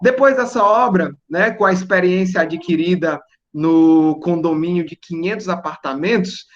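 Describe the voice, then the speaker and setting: A young man, giving a relaxed, explanatory talk to students and checking in with "né?" and "certo?". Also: sits high, moderate pace, muffled recording. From Northeast Brazil. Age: young adult. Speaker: guest engineer speaking to students. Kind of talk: relaxed presentation over video call.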